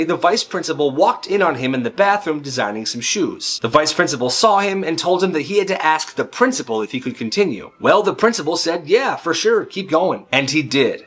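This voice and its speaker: A man narrating short stories in a conversational, animated way. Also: on the high side. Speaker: storyteller. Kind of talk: short-video storytelling narration.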